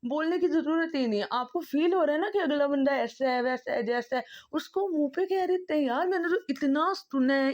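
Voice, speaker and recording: A Pakistani woman vlogger with a high voice delivers an impassioned, pleading monologue, emotional and near tears. She hammers her points home by repeating them, and the audio sounds dull.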